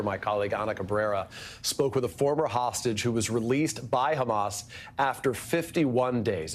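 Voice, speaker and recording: A man's voice: fairly low pitch, a little hiss or hum. Man anchoring a news broadcast. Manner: smooth, scripted delivery.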